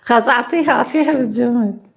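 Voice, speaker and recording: A woman's voice: fairly high pitch, rapid-fire, creaky, background noise. A woman with a Levantine Arabic accent, chatting casually and playfully as she prompts and teases through a family challenge. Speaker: mother hosting a family food challenge.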